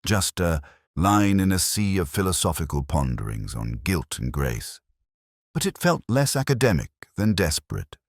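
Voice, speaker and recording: Inspector Morse, very deep brooding detective played by a man. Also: very animated, dry recording, clean studio sound, full character voice. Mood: quietly pensive. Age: middle-aged. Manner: measured, literary, brooding. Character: greying, sharp-witted, rumpled, melancholy English police inspector. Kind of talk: scripted first-person detective audio drama narration.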